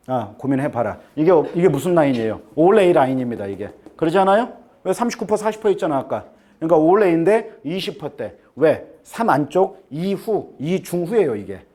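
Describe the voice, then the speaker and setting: Male admissions consultant speaking to parents: a fairly high voice that swings up and down a lot, chatty and joking, keeps asking the room to agree. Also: a little mellow. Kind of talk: lecture to parents. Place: seminar room with an audience.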